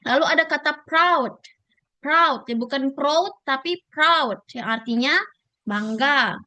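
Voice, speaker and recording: A woman with an Indonesian accent teaching an online English class, mixing English with Indonesian and slowly repeating words to model their pronunciation. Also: high voice, bright, forceful tone, no room sound.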